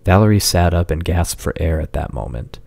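A male storyteller with a very low voice and a gravelly edge, reading a fantasy tale in slow, measured narration. The recording is dry and close, with no room sound. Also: a little mellow, no echo. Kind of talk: scripted narration.

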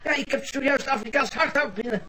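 An actor playing a smooth-talking male con man who poses as a handyman, with a glib salesman's patter in a radio play. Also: very high-pitched, fairly quick, a crowd in the background, rough recording. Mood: wheedling.

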